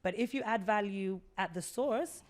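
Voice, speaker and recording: A UK woman who runs a skincare business is a guest in a casual interview, talking animatedly and at length as she tells stories. Her voice is medium-pitched at a normal speed.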